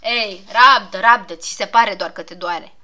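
A woman's voice: mid-range voice, pushed and bright, close to an everyday voice. A woman voicing a fussy, grumbling male gnome doctor who coaxes and scolds in a storybook reading. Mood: fussing. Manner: soothing then scolding, fussy.

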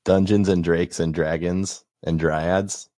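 A man's voice: low-pitched, steady tone, slow pace, mellow, no room sound. Guy running a d&d podcast, upbeat announcer vibe, dry close mic. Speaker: dungeon master and podcast host. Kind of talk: podcast intro and game talk.

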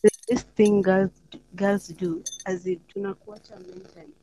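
A woman chatting frankly in a casual group talk show, her voice thin and tinny with no bass, like an old radio station, through an earphone mic. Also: very animated, normal speed, vocal fry, warm tone, slight background noise. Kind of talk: casual group chat mixing English and Swahili slang. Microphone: earphone mic on a remote call.

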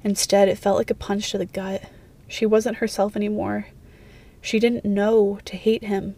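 Woman narrator for a story reading, monotone and dark-toned. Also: mid-range voice, moderate pace. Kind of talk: fan fiction audiobook reading.

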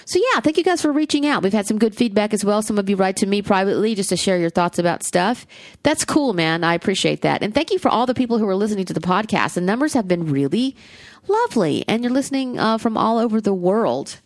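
A woman's voice: medium pitch, expressive, fast, dry recording. A woman with a Southern US accent, co-hosting a casual podcast, rambling with lots of fillers and casual swearing. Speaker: podcast co-host.

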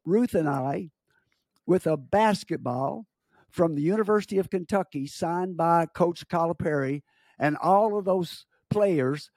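A man, a missionary guest on a podcast, telling a story in a halting, earnest way, often restarting his sentences. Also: on the high side, a little mellow, no room sound. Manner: halting with repeated starts, earnest. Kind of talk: casual storytelling interview.

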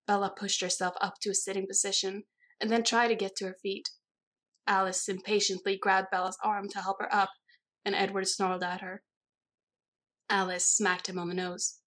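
A woman narrating a novel in a steady, even storytelling manner. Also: mid-range voice, normal speed. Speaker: audiobook reader. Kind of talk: scripted narration.

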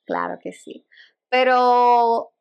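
A woman's voice: fairly high pitch, wildly swooping pitch, extremely slow, smooth, highs cut off. Chatty laughing young woman. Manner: laughs often, chatty with restarts. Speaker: podcast co-host. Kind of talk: casual chat.

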